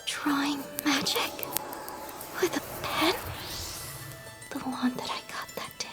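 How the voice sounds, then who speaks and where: A woman's voice: high voice, slow, in a whisper. A woman voicing an eager, wide-eyed, earnest little girl in an anime dub. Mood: hushed, awed. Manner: excitable, breathless, earnest. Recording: loud music behind the voice.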